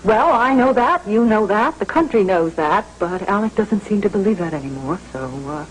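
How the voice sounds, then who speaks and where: An actress in a 1980s TV soap playing a worried, loyal wife of a football player who talks in an earnest, chatty way. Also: female voice, mid-range voice, expressive, normal speed, close to an everyday voice, low-quality recording. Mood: concerned. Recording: old TV recording with faint hiss.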